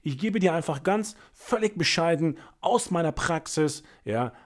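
A man hosting a motivational sales-coaching podcast, talking energetically and emphatically, swinging between loud bursts and quiet, low asides. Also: animated, unhurried.

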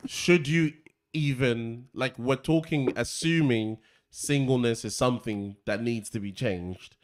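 A man's voice: medium pitch, unhurried. A man co-hosting a casual faith discussion podcast, posing probing questions with frequent restarts. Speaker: podcast co-host.

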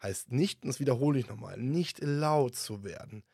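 A man's voice: medium pitch, normal speed, vocal fry, darkish tone, husky, no echo. A man hosting an interview, talking emphatically, repeating key words and summing up points. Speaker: podcast host. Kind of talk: conversational podcast interview. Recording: dry, close sound.

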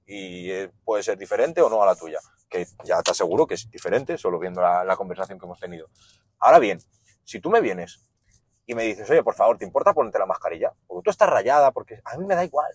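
A man hosting a podcast talks at a quick pace in a low voice with a breathy edge and no echo. His monologue is casual, blunt and full of profanity as he animatedly plays out the people in his stories.

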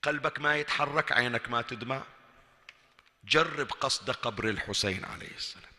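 Impassioned Bahraini preacher in echoing hall. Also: male voice, medium pitch, fairly quick. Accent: Bahraini Arabic. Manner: swings from hushed and intimate to loud and impassioned. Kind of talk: Shia majlis sermon. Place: large mosque hall. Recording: echoey hall with long reverb.

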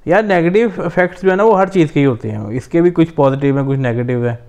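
A man's voice: a little high, darkish tone, clean tone. Casual male host, clean resonant voice, explains at ease and switches into English now and then. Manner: explanatory, drops English phrases into speech. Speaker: podcast host. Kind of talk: casual chat.

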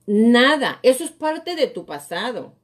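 On her live show, the middle-aged host and real estate coach gives a forceful pep talk, repeating phrases often. Her voice runs on the high side, very animated, and a touch slow.

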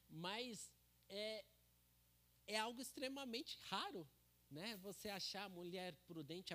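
A man's voice: sits high, a bit bright. A man giving a casual church sermon into a handheld microphone, chatty and joking, with many tag questions. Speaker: preacher.

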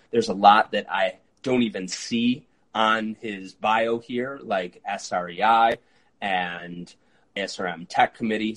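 Low-voiced man hosting an interview. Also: rough recording. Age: 30s. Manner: eager, quick talker with frequent fillers. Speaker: podcast host. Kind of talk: conversational interview.

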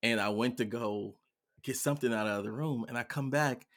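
A man in his thirties, a podcast co-host, chatting casually and telling stories with animated acted-out lines. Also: mid-range voice, moderate pace. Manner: animated storyteller, acts out his own shouts. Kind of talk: casual chat.

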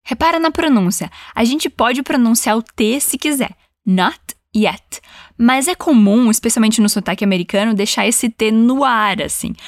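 A woman's voice: a little high, no room sound, studio quality. Encouraging woman teaching English phrases. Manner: encouraging, slow careful model phrases. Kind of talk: English lesson with repeat-after-me drills.

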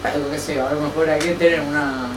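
Young woman, group sharer, halting and searching, lowish voice, recorded far off in a roomy space with background noise. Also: fairly even intonation. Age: young adult. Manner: hesitant, searching, many restarts. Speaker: group participant. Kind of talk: group sharing circle talk.

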